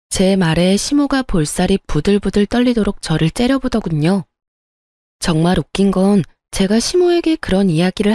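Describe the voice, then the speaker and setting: A woman telling a true family story in the first person, in a calm, confiding way. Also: mid-range voice, no echo, clean studio sound. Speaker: narrator. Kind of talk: scripted narration of a true story.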